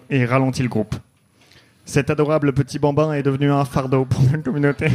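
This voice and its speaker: A man telling a deadpan, mock-noir detective story live on a comedy club stage. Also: on the high side. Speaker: comedy podcast host.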